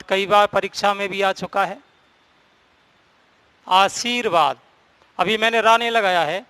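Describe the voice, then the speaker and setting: A man's voice: high-pitched, pushed and bright, no echo. A man teaching a Hindi grammar lesson, explaining rules step by step and repeating the key points.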